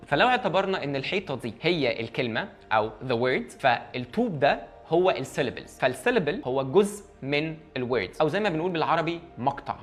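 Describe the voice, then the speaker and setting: This is an Egyptian Arabic-accented English teacher in an online lesson, moving quickly from point to point. The voice swings up and down with animation and slips English words into its explanations. Soft music plays faintly underneath. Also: mid-range voice. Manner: explains step by step, mixing in English terms.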